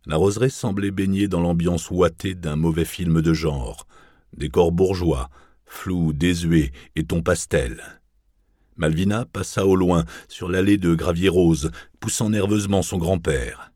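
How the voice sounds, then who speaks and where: Deep-voiced male audiobook narrator. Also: dry recording, clean studio sound. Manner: measured, even literary reading.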